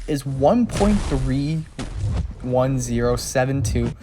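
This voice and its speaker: A man's voice: mid-range voice, animated, takes it slowly, music in the background. A man narrating a recap of his game fights in an exasperated, rambling play-by-play. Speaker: game channel creator. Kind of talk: gameplay recap voice-over. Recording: clear background noise.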